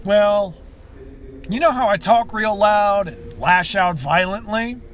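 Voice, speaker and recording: A man's voice: high-pitched, slow. A man playing God as a breezy, jokey American uncle type with an American accent in a comedic audio drama. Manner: folksy, slangy, avuncular, jokey. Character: folksy, breezy male God, a loud jovial uncle type.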